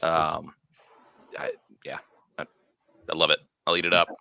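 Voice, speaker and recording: A man's voice: extremely low pitch, flat delivery, a little slow, creaky, bright, forceful tone, dry recording, clean studio sound. A man co-hosting a casual podcast chat in a laid-back, easygoing way. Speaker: podcast co-host.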